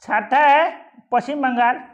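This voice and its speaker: Guy teaching geography off a map, high voice, asks stuff then answers it himself, keeps saying ok and easy, kinda muffled lo-fi sound. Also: measured pace. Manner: asks questions and answers them himself, repeating "ठीक है" and "आराम से". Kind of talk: exam-prep geography lesson at a map.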